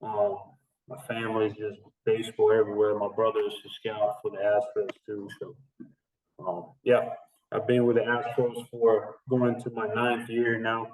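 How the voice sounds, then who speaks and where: A strength and conditioning coach in his thirties from the Dominican Republic rambles casually as an interview guest, with lots of fillers and restarts. His voice is fairly low, monotone and darkish, at a moderate pace. The remote recording sounds echoey and distant.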